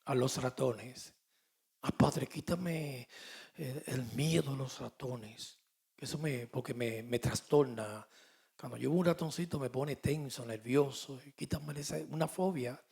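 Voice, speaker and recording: A man, preaching a sermon as pastor, swinging from quiet asides to loud emphatic declarations. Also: medium pitch, measured pace, creaky.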